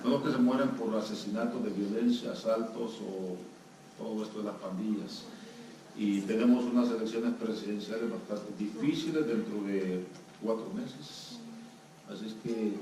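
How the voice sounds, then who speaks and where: A guest pastor with a Salvadoran accent and a lowish, slightly mellow voice delivers an interactive sermon at a moderate pace, asking questions and joking with the congregation. The church hall recording is noisy and echoey, with a distant mic.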